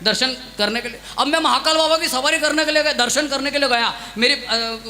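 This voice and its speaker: A man's voice: very high voice, a little fast, bright, forceful tone. A man telling self-mocking comic stories on stage and urging the crowd to clap. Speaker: stand-up comedy poet. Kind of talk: live comic storytelling on stage. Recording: live stage mic in a large hall.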